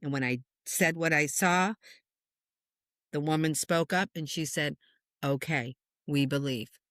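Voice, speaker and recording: A middle-aged woman, a spiritual medium, answering interview questions in an animated storytelling way, acting out what people said. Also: sits low, a little slow, dry recording, clean studio sound.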